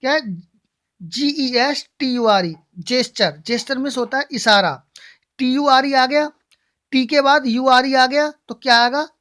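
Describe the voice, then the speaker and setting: A woman, her voice sitting a little high, teaching English pronunciation to a class. She keeps asking the class a question and then answering it herself. She spells each word out letter by letter as she goes. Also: a little slow, fairly bright tone. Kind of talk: classroom-style lesson.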